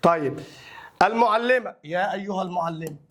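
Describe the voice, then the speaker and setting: A young man with an Egyptian accent and a fairly high, fairly bright voice teaches grammar. He stretches each example phrase out slowly, then moves quickly through the explanation in easy, colloquial speech.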